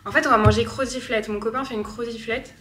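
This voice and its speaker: A woman's voice: fairly high pitch, steady tone, fast talker, fairly bright tone, faint music behind. A young woman chatting casually to camera in her apartment, rambling with self-mocking asides. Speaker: vlogger. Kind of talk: casual home vlog. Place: apartment living room.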